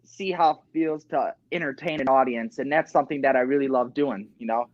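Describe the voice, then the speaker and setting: A sixteen-year-old boy who performs as a guest tribute artist chats casually in an interview over a video call from a small home studio, filling his speech with "you know." He has a high talking voice and speaks fairly quickly. The recording is dry, and the highs are cut off.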